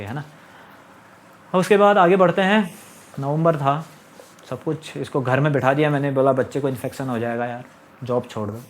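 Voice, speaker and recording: A young man telling his own story in a casual, aggrieved monologue to camera, often quoting others. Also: a little high. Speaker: vlogger.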